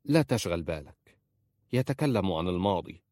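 A man's voice: deep voice, expressive, moderate pace, darkish tone, no room sound, clean studio sound. A man voicing a pleading young wife. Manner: pleading, earnest.

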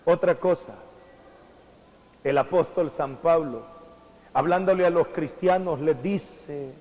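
A man preaching a sermon, speaking emphatically with sudden jumps in pitch and loudness and putting questions straight to his congregation. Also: slow pace, long reverb tail, rough recording. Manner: addresses the congregation directly with questions.

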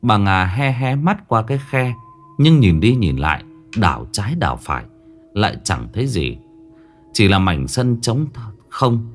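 Man, low voice, lively intonation, suspenseful ghost-story narration, faint music underneath. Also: a little slow. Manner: suspenseful, dramatic pacing.

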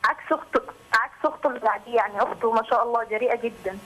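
A woman's voice: a little high, very fast, fairly bright tone. A woman from Egypt calling in on a phone line to ask for advice, speaking hesitantly with many fillers. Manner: hesitant, fills gaps with "aah". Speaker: caller. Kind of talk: phone call-in question.

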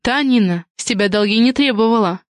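A woman voicing a shrewd, sharp-tongued female friend who probes and insinuates, in an audiobook. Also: medium pitch, moderate pace, dry recording, clean studio sound, close to an everyday voice. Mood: probing. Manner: probing, insinuating. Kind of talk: audiobook character reading.

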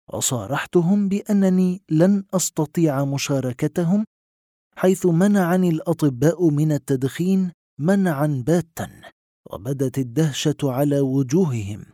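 A man narrating short literary stories in a measured, even reading voice. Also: on the high side, no echo, studio quality.

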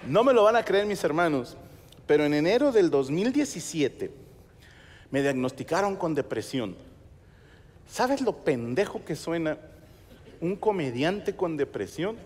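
High-voiced Mexican comic in a hall. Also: male voice, big pitch swings, darkish tone. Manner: crude slang, acts out voices in quick asides. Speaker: stand-up comedian. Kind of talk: stand-up comedy set. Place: large theater stage, live audience.

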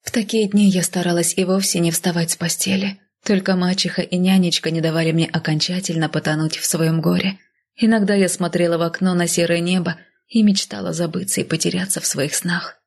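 A woman reads a first-person fantasy audiobook in a measured, even way. Her voice is low and husky. A gravelly fry runs through her delivery. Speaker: audiobook narrator.

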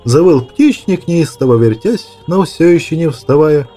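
A man narrating an audiobook with dramatic, lively storytelling. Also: on the high side, moderate pace, soft background music. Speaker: audiobook reader.

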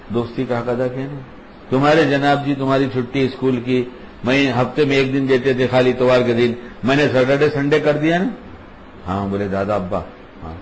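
A man's voice: medium pitch, a little hiss or hum, low-quality recording. An older man, a grandfather, giving an informal religious talk in an emphatic, conversational way and repeating his key points. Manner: repetitive, emphatic, conversational teaching. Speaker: religious speaker.

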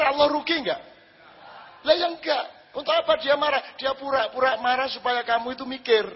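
A man's voice: extremely high pitch, breathy edge. A man preaching to an audience, conversational, asking rhetorical questions and acting out quoted speech. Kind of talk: religious talk to a live audience. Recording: lo-fi hall recording.

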